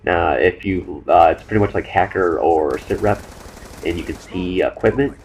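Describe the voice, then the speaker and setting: Fast-rambling young man, deep voice. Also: darkish tone, slight background noise, poor audio. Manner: fast, rambling, with many fillers and restarts. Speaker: gaming commentator. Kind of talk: gameplay commentary.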